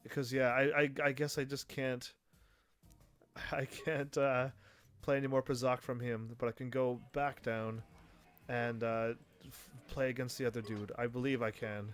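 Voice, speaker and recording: A man's voice: medium pitch, level tone, unhurried, faint music behind. A man giving casual live gameplay commentary, rambling and thinking aloud as he plays. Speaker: game streamer.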